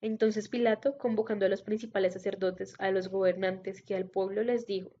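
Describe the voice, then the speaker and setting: A woman reading a Bible passage aloud in a steady, measured way. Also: medium pitch. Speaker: scripture reader. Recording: dull lo-fi recording.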